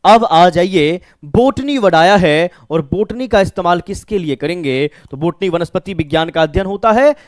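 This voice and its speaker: High-voiced Bihari man teaching vocabulary. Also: animated, moderate pace, few pauses, dry recording, studio quality. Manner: explains step by step, asks and answers his own questions. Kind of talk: exam-prep vocabulary lesson.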